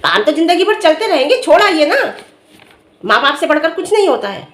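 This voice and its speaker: A woman's voice: sits high, big pitch swings, a little fast, reverberant. A middle-aged woman vlogger giving direct-to-camera commentary, earnestly lecturing and scolding with rhetorical questions. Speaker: vlogger commenting on another family's dispute.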